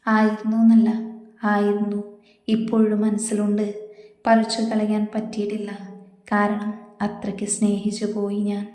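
A lovesick, sad young woman, voiced by a female narrator. She speaks quietly, subdued and flat, in a mellow tone. The recording sits in an echoey room with long reverb. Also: mid-range voice, normal speed, pauses often, close to an everyday voice.

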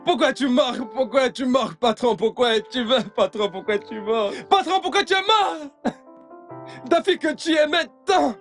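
A man's voice: sits high, normal speed, soft background music, lightly acted. A man doing a flustered giggling house servant. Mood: wailing. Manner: giggly, flustered, later wailing and mocking. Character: bumbling joking male house servant, loud and excitable. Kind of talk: dubbed film acting.

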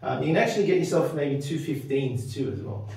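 A fitness video host in his thirties gives a chatty, rambling walkthrough of his small indoor home gym with a power rack, often tagging sentences with "right?" His fairly high voice is expressive, quick, creaky and mellow. A distant camera mic picks him up in a very echoey room.

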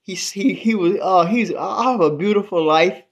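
This is an 82-year-old woman casually livestreaming from a small room at home, her phone at arm's length, greeting viewers and breaking into praise and thanks to God. Her mid-range voice moves at a moderate pace, and the recording sounds muffled.

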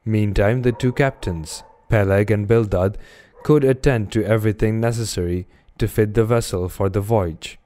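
Low-voiced man reading a classic novel. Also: normal speed, dark tone. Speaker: reader. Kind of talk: audiobook narration.

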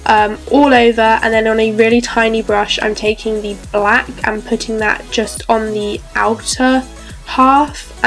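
Congested from a cold, a young woman who vlogs about beauty talks her way through a makeup tutorial in a bedroom with a clothes rail. Her voice is fairly high with vocal fry, and she's chatty and bubbly, full of "so yeah."

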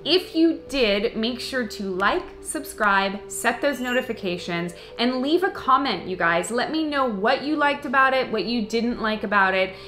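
Bright-voiced woman chatting playfully to camera. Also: a little high, expressive, moderate pace, few pauses. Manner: chatty and playful, laughs often. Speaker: channel host answering viewer comments. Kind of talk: casual chat to camera. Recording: echoey room.

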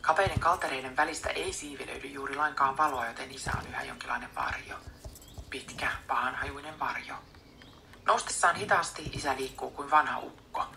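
A woman reading a book aloud in a soft, unvoiced whisper, as an audiobook reader. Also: a bass voice, gravelly, background noise.

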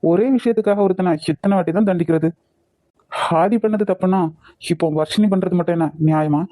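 A man's voice: high voice, brisk, warm tone, dry recording, natural voice. A man voicing an earnest young man in a cartoon, with a Kanyakumari Tamil accent. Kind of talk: cartoon voice acting.

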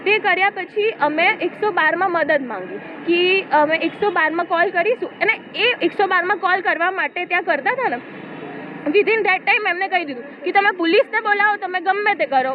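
Woman, very high voice, steady retelling of an incident, phone-like sound with faint hiss. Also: normal speed. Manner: steady retelling, quotes dialogue. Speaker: complainant giving a statement. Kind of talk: first-person account of an incident. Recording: tinny phone-like audio with faint noise.

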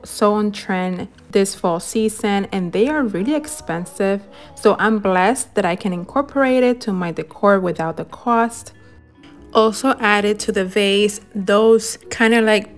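A woman narrating her home decorating and baking in a gentle, enthusiastic voice-over, walking through each step. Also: mid-range voice. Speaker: home and cooking vlogger.

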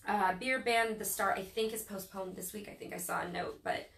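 A woman from Northern Virginia co-hosting a casual live stream, reading event listings in a chatty way with many ums, her voice a little hoarse. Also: medium pitch, fairly even intonation, normal speed, a bit bright. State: losing her voice. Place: local speed shop, indoors. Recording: echoey room, far from mic, faint noise.

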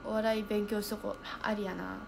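A young woman chatting casually on a livestream, reading viewer comments aloud and thinking out loud as she reacts. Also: mid-range voice, little pitch movement, brisk, vocal fry, noisy background.

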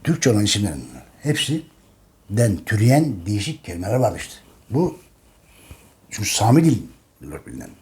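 A man's voice: lowish voice, big pitch swings, moderate pace, long pauses, a little mellow. A man hosting a casual history monologue, talking emphatically and repeating his points while addressing his listeners as friends. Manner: emphatic, preaching tone. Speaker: history channel host.

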